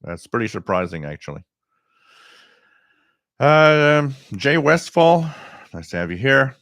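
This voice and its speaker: A middle-aged man hosting a casual live stream, talking in a halting way with frequent pauses as he reads out viewer comments. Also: mid-range voice, big pitch swings, a bit bright, dry recording. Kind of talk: casual live stream chat about radio.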